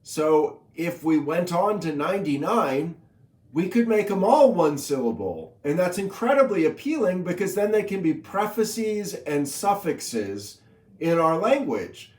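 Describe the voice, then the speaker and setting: A man's voice: high voice, big pitch swings, measured pace, darkish tone, reverberant. A man casually explaining a number system he invented, in a playful, teasing way, reciting long lists of coined number words.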